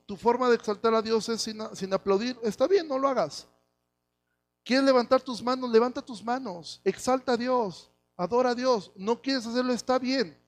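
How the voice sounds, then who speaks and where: Mexican pastor guy preaching, fairly high voice, chatty then gets loud and pushy with the crowd. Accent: Mexican Spanish. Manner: conversational preaching, addresses listeners directly, rising to loud exhortation. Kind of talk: sermon.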